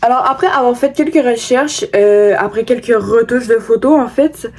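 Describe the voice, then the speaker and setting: Chatty woman with a mellow voice. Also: a little high, normal speed. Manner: hesitant, many fillers and restarts. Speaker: YouTuber presenting paranormal photos. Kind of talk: casual commentary over screen recording.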